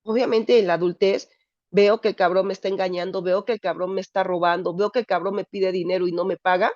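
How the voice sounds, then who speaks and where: A woman's voice: medium pitch, steady tone, quick pace, a little mellow, no echo. A woman psychologist giving a candid, emphatic personal talk to a support group. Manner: candid, emphatic, frank language. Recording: dull dry lo-fi recording.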